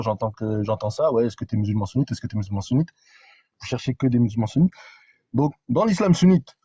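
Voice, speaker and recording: A man calling into a live online debate, with a mellow and slightly husky voice. He explains his view patiently, checking in with "hein" and "ok". The sound is dry and close. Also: medium pitch, no echo. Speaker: debate caller.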